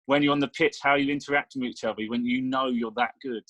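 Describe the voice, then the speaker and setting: A man's voice: mid-range voice, fairly even intonation, fast, a bit bright, no echo, highs cut off. Man explaining, dry close sound. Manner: explanatory, persuasive. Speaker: meditation coach. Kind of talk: casual chat.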